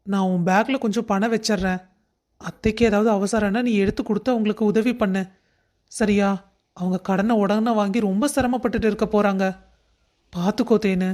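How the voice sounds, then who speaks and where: A woman voicing a caring young husband in a cartoon story who teases gently and reassures his wife. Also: mid-range voice, steady tone, moderate pace, close to an everyday voice. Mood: reassuring. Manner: warmly teasing, reassuring. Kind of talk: Tamil cartoon voice acting.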